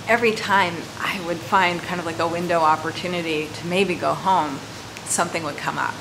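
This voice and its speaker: A woman's voice: low-pitched, noisy background. A young woman from Canada hosting a casual vlog, chatty and prone to repeating words as she thinks. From Canada (Montreal). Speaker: host. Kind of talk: casual talking-to-camera vlog.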